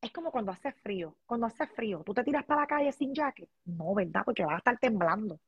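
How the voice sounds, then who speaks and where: A woman hosts a live stream, reading comments and effusively thanking viewers by name while chatting casually. Her medium-pitched voice is animated, fast and slightly rough; there's no room sound, and the high frequencies are cut off.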